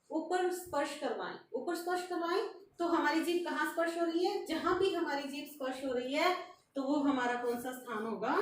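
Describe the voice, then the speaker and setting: A woman teacher with a high voice talks slowly and carefully, asking questions that she then answers. She stands away from the microphone in a very echoey room with a faint hiss behind her. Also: distant mic. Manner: slow, repeats terms and asks questions then answers them. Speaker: Hindi grammar teacher. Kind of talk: classroom-style lesson at a board.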